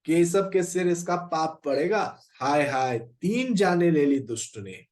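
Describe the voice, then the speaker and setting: A man's voice: fairly high pitch, expressive, a little slow, darkish tone. A male teacher voicing a stern mother from a storybook, chiding her children. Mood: scolding. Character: scolding mother, grown woman, stern.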